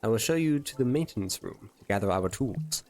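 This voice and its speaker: A man's voice: lowish voice, expressive, brisk, a little mellow, faint music behind. A man voicing a posh, polite male tea shop keeper, reading game dialogue aloud with formal phrasing.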